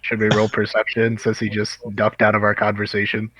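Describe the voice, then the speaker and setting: A man's voice: on the low side, monotone, a little fast, fairly bright tone, poor audio. A man chatting casually as a player in a tabletop game, wisecracking and heckling the others. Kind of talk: casual joking game chat.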